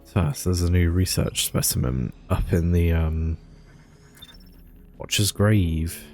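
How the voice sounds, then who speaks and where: A man gives casual gameplay commentary in a very low voice. He talks slowly and laid-back, chuckling and mumbling asides. Faint game music sits underneath. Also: darkish tone. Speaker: gaming channel host.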